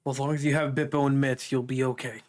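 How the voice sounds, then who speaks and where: A man running a tabletop game among friends, talking casually and breaking into laughter now and then. His voice sits in a middle pitch. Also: fast talker. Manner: casual, laughs often, relaxed. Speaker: game master.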